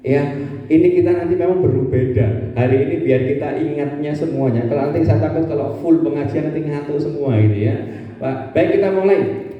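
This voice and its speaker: A male Islamic teacher leads a lively call-and-response talk for parents in a school hall. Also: on the high side, brisk, dull audio. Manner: energetic, call-and-response, shouts counting cues. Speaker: ustaz giving a talk to parents. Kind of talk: lively interactive religious talk. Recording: echoey hall, voice from a distance.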